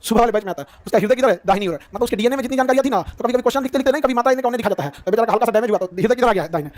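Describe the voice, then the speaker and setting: A male teacher drilling a class at high speed, firing off questions and often shouting the answers himself. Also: very fast, no echo. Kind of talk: rapid-fire classroom quizzing. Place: classroom with students. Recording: noisy crowded classroom.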